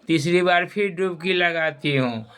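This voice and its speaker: A man's voice: fairly high pitch, a little slow, a bit bright, clear, resonant tone. A man voicing a kindly old river goddess.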